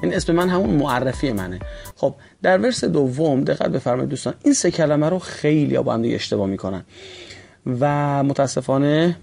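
A male language teacher whose first language is Persian, giving a vocabulary lesson. He says English rhymes slowly for drilling and then explains them briskly. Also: medium pitch, lively intonation, creaky, a little mellow, faint music behind.

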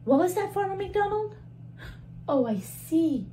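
Speaking at a measured pace in a very high-pitched voice, a woman in her thirties teaches toddlers on video. She gasps and asks questions animatedly, and the close recording in a small room has a little hiss or hum.

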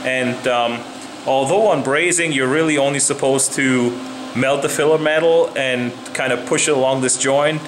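Matter-of-fact welder in a humming shop. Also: male voice, medium pitch, fairly even intonation, moderate pace, slight background noise, rough recording. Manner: plainspoken, matter-of-fact, mildly profane. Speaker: welder demonstrating a repair. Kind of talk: casual shop instruction. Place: indoor metal workshop with concrete walls. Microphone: camera mic on a handheld camera.

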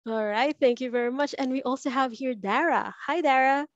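Upbeat and welcoming, a woman from the Philippines hosts an online language webinar in a high voice at normal speed, sounding scripted. The video call audio is muffled, with no echo.

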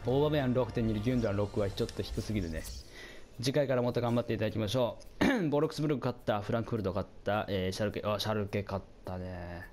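Over a football video game, a man gives casual commentary, chatting with viewers and reacting aloud to plays. His lowish voice races along and grows hoarse as he goes.

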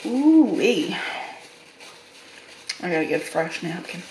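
A middle-aged woman hosts an eating show in a slow, folksy, casual way, talking with her mouth full and murmuring between bites. Her voice sits at an average pitch in an echoey room, with faint noise behind it. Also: fairly even intonation, vocal fry, darkish tone. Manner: folksy, colloquial phrasing. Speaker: mukbang eating show host. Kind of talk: casual chat while eating. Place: small room indoors. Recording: roomy echo with faint background noise.

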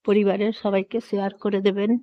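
A Bengali woman vlogger with a hoarse voice from a cold, chattily showing viewers around a fair hall. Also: mid-range voice, completely flat delivery, quick pace, highs cut off. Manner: chatty, repeatedly urging viewers to look. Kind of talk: casual walkthrough vlog.

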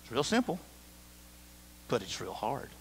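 A man's voice: medium pitch, huge pitch swings, unhurried, creaky, a little hiss or hum. A middle-aged man preaching a sermon as pastor, conversational and joking, speaking straight to his congregation. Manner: conversational, jokey, talks to the congregation directly. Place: church sanctuary. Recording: reverberant church hall.

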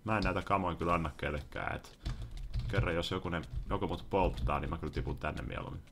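A young man giving excitable, casual commentary over his own gameplay, sometimes yelping when startled. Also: sits low, gravelly, background noise. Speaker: gaming video host.

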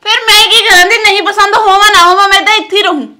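A woman's voice: very high-pitched, fairly even intonation, very fast, sharp tone, exaggerated voice. A woman playing a defiant young daughter-in-law who talks back, with a Punjabi accent, in an amateur short film. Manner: snappy back-talk.

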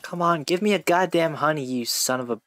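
A man's voice: on the high side, fairly quick, a bit bright. A man chatting casually while playing a game, laid-back with dry jokey remarks. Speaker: gamer. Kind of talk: casual gameplay chat.

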